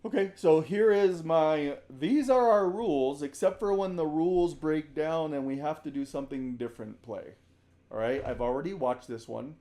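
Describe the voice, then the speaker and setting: A man breaking down basketball game film as a coach, talking conversationally, often restarting sentences and now and then shouting out example calls. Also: a little high, moderate pace.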